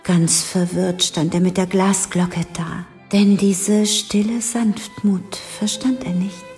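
Woman, storybook narrator, mellow warm tone, calm gentle delivery. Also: mid-range voice, slow, faint music behind.

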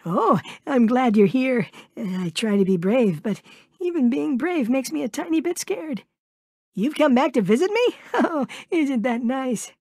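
Tiny timid piglet, very high-pitched. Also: male voice, animated, unhurried, darkish tone, no room sound, clean studio sound, full character voice. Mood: gentle, timid. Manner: hesitant, stammering, fretful, polite. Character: Piglet, small timid, anxious, kindly male piglet. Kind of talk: cartoon video game character voice clips.

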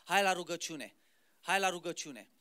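Man doing a hushed, pious father. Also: sits high, lively intonation, voice pushed down. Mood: earnest. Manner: hushed, gently insistent. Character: pious father calling children to prayer.

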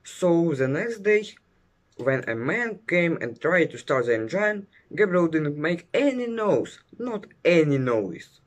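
Slow, lilting male storybook reader. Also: fairly high pitch. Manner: slow, expressive storybook reading with fillers. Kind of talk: reading a children's story aloud.

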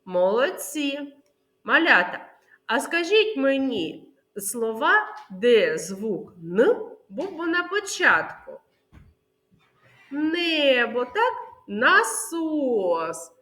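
Lively woman teaching small children. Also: sits high. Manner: slow, clearly sounded-out words and call-and-response prompts. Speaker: preschool teacher. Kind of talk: literacy lesson for young children. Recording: roomy echoey room.

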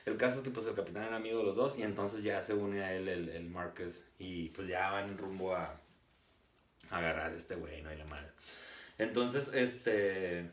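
A man with a Mexican accent casually retelling a movie's plot, full of slang, laughs and quick acted-out quotes. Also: sits low, slight background noise. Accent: Mexican Spanish. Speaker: movie reviewer. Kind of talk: casual spoken film recap. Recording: roomy echo, distant from mic.

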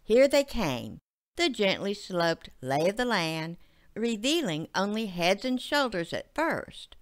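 A woman narrating a literary short story in a measured, expressive way. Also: medium pitch. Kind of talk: audiobook narration.

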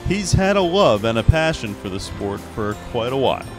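A man's voice: medium pitch, very animated, normal speed, over music. A young man reporting a news feature outdoors by a creek, speaking into a handheld mic. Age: young adult. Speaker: student reporter.

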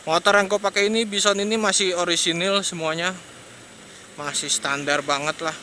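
A young man with a Jakarta accent talks in a slangy, hesitant ramble, laughing now and then as he rides. His voice sits a bit high and sounds bright and tense. A faint hum of traffic and engine runs under his talk. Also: steady tone, moderate pace. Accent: Jakarta Indonesian. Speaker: motovlogger. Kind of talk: casual rambling chat while riding. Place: riding a motorbike at night on city streets. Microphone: external mic on a helmet action cam. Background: traffic and engine noise.

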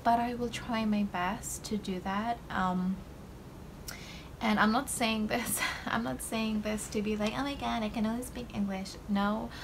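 This young Malaysian budgeting host has a higher, creaky voice, with background noise behind it. She talks casually to camera, slowly and relaxedly with lots of ums and likes, as she counts money at her indoor desk under an overhead camera framing her hands.

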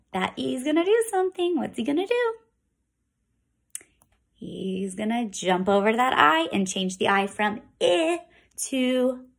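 Woman, kindergarten teacher, phonics lesson, sing-song, very slow, gravelly. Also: sits high. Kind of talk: phonics lesson for young children.

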